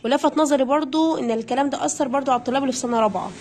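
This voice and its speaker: A woman's voice: high-pitched, rapid-fire, darkish tone. A young woman with an Egyptian Arabic accent, teaching a primary English pronunciation lesson, coaxing her listeners and drilling words by repeating them.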